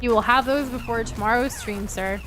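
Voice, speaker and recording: A woman with a fairly high voice co-hosts a game livestream. She chats casually and playfully, giggly as she talks with viewers, with light music behind her. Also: fairly even intonation, moderate pace, fairly bright tone. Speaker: livestream co-host reading viewer comments.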